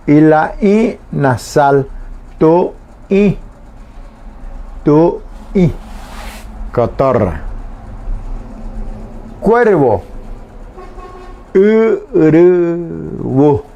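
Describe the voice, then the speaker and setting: A man teaching a language lesson on the radio, saying each word slowly and repeating it twice with pauses. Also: a little high, sing-song, warm tone. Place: radio studio.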